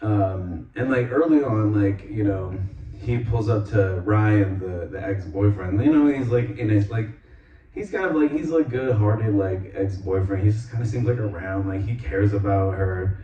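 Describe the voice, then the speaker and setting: A man hosting a podcast, recapping a movie in a rambling casual way, full of filler words and quick acted-out quotes. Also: fairly low pitch, mellow. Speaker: podcast host reviewing a movie. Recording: roomy, distant, dull lo-fi sound.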